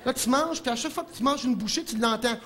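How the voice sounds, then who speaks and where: A man with a Quebec French accent doing an animated stand-up comedy monologue in a television studio, breaking into impressions. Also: very high-pitched, fast. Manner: animated, jumps into shouted impressions, chuckles at own jokes.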